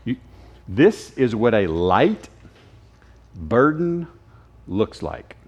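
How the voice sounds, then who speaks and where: A man teaches a Sunday school lesson in a church classroom. His fairly low voice swings widely in pitch as he jokes and quizzes his class in a casual, animated way. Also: drawn-out words, slightly rough. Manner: lively, joking, quizzes the class.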